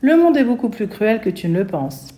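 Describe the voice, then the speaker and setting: A woman's voice: on the high side, big pitch swings, a little fast, dark tone. A woman reading aloud, voicing a cold, scornful aunt who speaks cuttingly.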